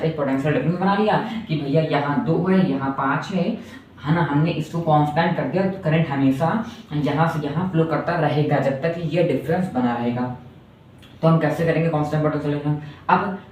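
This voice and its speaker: A man's voice: on the high side, darkish tone. A male physics teacher giving a lecture, repeating phrases and asking the class rhetorical questions. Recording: echoey distant room mic with faint noise.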